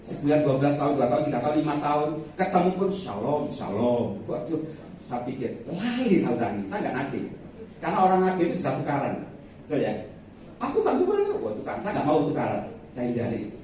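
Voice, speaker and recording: A man's voice: fairly high pitch, fast talker. A man with a lilt preaching a Sunday sermon, telling personal stories with humor and chuckles. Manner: humorous, animated storytelling with chuckles. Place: church sanctuary. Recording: echoey church hall, distant mic, faint noise.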